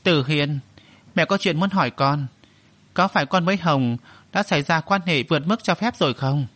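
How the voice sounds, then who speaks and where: A man's voice: a little high, normal speed, a bit bright, no echo. Frantic doting mother, read by a man. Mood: anxious. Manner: pleading, anxious. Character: frantic middle-aged mother, doting and scheming.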